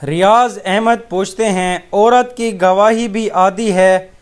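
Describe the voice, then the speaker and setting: Smooth high male question reader. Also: steady tone. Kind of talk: reading questions aloud.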